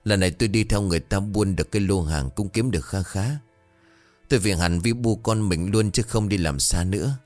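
A tired, gentle village husband from a spoken ghost-story tale, voiced by the narrator. He speaks low, calm and consoling, his voice tired. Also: brisk, no room sound, faint music behind, natural voice. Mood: weary.

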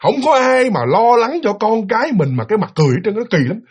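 A young man telling a ghost story in an animated way, acting out the voices of a father and a frightened child. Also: high voice, quick pace, husky.

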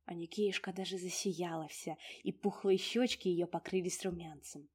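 A woman narrating a fairy-tale novel in an expressive, lilting way. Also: fairly low pitch, moderate pace, slightly rough. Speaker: audiobook narrator. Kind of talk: storybook narration.

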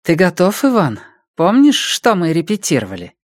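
A determined young woman detective, as a male reader voices her, lifted above his usual pitch, brisk and firm with lively up-and-down inflection. The sound is dry and close, as in an audiobook. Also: no room sound.

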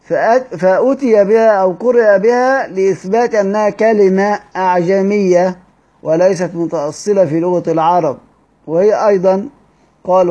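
A man with an Egyptian accent teaching Quranic readings in a study-circle lecture, explaining step by step and drawing out key words slowly. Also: high-pitched, dark tone. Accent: Egyptian Arabic. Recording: dull lo-fi recording.

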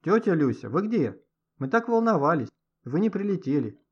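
Male narrator doing an excitable schoolboy, loud and eager, lively husky voice, lo-fi audio. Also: on the high side, normal speed, pitched above the performer's own voice, full character voice. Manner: shouting eagerly. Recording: dull lo-fi audio.

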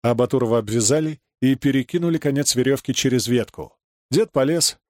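A man narrating a dark rural adventure story, reading scripted prose steadily. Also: medium pitch, a little fast, dry recording, studio quality. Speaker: audiobook narrator.

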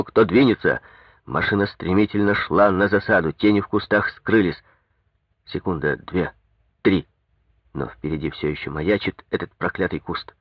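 A man narrating a story in a steady, measured reading on a close mic. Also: sits low, slightly rough, dry recording. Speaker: audiobook narrator. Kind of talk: scripted narration.

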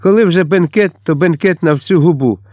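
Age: adult. Sex: man. Figure: a man voicing a boisterous, hearty deacon. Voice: raised, loud. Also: on the high side, moderate pace, no room sound, voice pushed up, lightly acted. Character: boisterous hospitable man, a deacon hosting a feast.

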